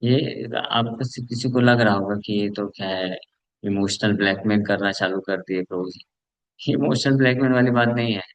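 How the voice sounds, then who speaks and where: A man's voice: fairly low pitch, moderate pace, dry recording, poor audio. A man from India giving a scripture lecture, earnest and repetitive for emphasis, slipping English words into his talk and acting out listeners' excuses. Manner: earnest, repeats points for emphasis, mixes English words into Hindi; acts out listeners' excuses in asides. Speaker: preacher giving a scripture class.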